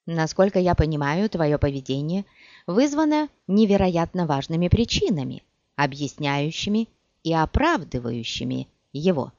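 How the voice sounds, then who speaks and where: A woman's voice: low voice, very animated, normal speed, no room sound. Woman playing a scornful fiery sorceress. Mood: mocking. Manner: sharp, biting, mocking. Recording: dull dry recording.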